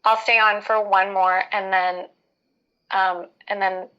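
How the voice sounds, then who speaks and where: Female skincare educator, mid-pitched, conversational live Q&A host who hesitates and thinks out loud. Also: level tone, slow, clear, resonant tone, lo-fi sound. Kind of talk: casual live Q&A advice.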